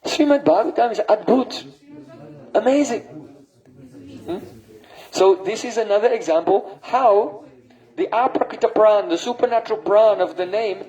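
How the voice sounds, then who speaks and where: A spiritual teacher gives a devotional lecture in a high-pitched, dark-toned voice, recorded with a muffled sound. He often checks in with listeners using a questioning "hmm?" and breaks into sung and chanted verses.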